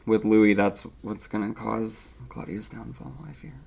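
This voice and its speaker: A man hosting a reaction show, chatting casually in an excitable way and swearing freely. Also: fairly low pitch, unhurried, gravelly, slight background noise.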